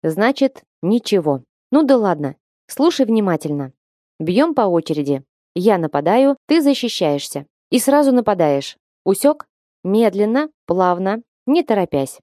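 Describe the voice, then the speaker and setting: A woman's voice: medium pitch, very animated, moderate pace, warm tone, no room sound, clean studio sound, lightly acted. A woman voicing a slight young swordfighting girl who talks in a snappish, mocking way. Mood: instructive.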